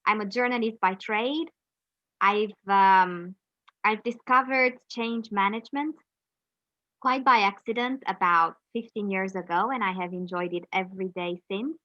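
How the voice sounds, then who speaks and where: A middle-aged woman from Romania, a journalist being interviewed, speaking reflectively with frequent pauses and fillers. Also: mid-range voice, dry recording, highs cut off. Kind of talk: conversational interview.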